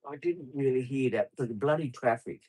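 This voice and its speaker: A man's voice: medium pitch, brisk, a little mellow, breathy edge, no room sound. A man, live streaming outdoors beside traffic and chatting casually with viewers, rambling with many ums and answering people by name. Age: 50s.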